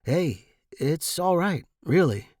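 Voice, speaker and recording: A shy, easygoing young man who speaks gently and reassures, played by the narrator. The voice sits a little above the narrator's own, close and dry. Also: a little high, animated, slow pace, slightly rough, no room sound, pitched above the performer's own voice, full character voice. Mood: reassuring.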